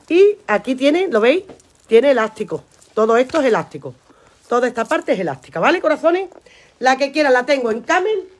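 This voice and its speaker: Casting: woman, high voice, chatty and affectionate live-stream clothing seller, phone mic. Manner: chatty, affectionate, repeats prices and calls viewers darling. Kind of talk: live sales pitch.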